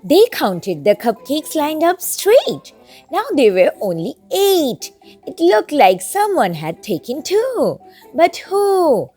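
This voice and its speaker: A woman reading a children's picture book aloud in an expressive, sing-song storytelling way over background music. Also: high voice, takes it slowly. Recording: music bed under the voice.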